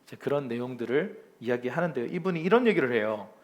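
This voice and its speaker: A male pastor giving a lively, conversational Sunday sermon to a congregation in a church, acting out complaints and chuckling as he goes. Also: medium pitch, fast, highs cut off. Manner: chuckles often while speaking.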